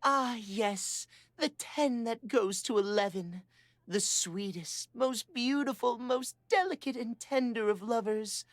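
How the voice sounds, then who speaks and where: A smooth-talking brothel hostess for a video game. She delivers flowery, theatrical patter at a slow, measured pace, recorded very dry. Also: a little high, no room sound. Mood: effusive. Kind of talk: video game character acting.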